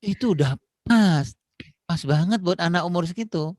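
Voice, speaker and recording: A man's voice: high-pitched, expressive, normal speed, a little mellow, no room sound. A man speaking on parenting in a casual, explanatory way, dropping frequent fillers and acting out little dialogues. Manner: explains with many "gitu" fillers, acts out phone dialogues.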